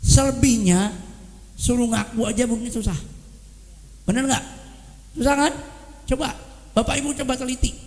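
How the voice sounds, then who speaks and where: In a worship hall with long reverb, a man with a very high-pitched, slightly mellow voice preaches to his congregation at a moderate pace with long pauses. He addresses them directly and acts out gossip in quoted voices.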